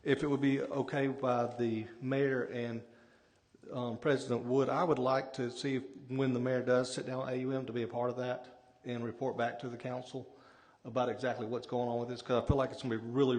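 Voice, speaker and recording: A man's voice: mid-range voice, flat delivery, fairly quick, darkish tone. A man, a city councilor, making remarks at a council meeting with speech impaired by recent oral surgery. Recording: echoey hall with long reverb.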